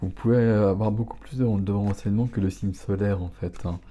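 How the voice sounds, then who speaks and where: A middle-aged man doing a casual tarot reading, relaxed and chatty, exclaiming over the cards. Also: lowish voice, fairly quick. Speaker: tarot reader.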